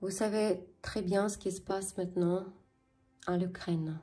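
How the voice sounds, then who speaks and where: Femme à l'ukrainien, lente et grave. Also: female voice, lowish voice, steady tone, dark tone. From Ukraine. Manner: slow and earnest, some words half-whispered. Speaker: tarot reader. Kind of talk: tarot reading for viewers.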